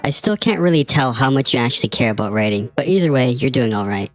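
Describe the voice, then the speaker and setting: A woman reading the lines of a prickly teenage girl who is worried about a friend, in a plain, unhurried voice. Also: extremely low pitch, animated, soft background music, rough recording. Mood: earnest. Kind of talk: reading game dialogue aloud.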